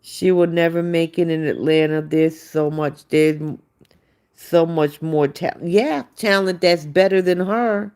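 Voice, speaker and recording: A woman's voice: low-pitched, fairly even intonation, a little slow, darkish tone, clean tone. A woman hosting a livestream, giving casual gossip commentary in a blunt, profane way and talking back to her viewers. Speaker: livestream host.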